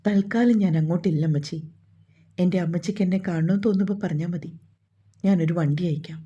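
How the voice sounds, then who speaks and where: A woman's voice: fairly low pitch, quick pace, warm tone, husky. A woman voicing a grown man, a teasing husband and firm son, on a dull lo-fi recording. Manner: teasing, firm, matter-of-fact.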